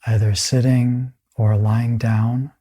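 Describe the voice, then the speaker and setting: A man guides a meditation calmly and soothingly, his mid-range voice soft and breathy, with pauses between phrases.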